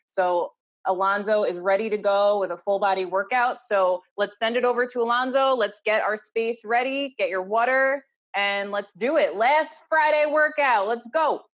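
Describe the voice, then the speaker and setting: A woman's voice: mid-range voice, fairly even intonation, moderate pace. A woman hosting a webinar over a video call, introducing things in a casual, upbeat and enthusiastic way. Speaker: webinar host. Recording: dull, lo-fi video-call audio.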